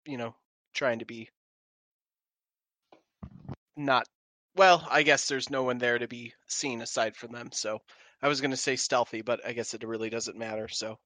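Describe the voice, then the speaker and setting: A man playing a tabletop game, speaking in a hesitant, halting way. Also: mid-range voice, steady tone, bright, forceful tone, no echo. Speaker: player.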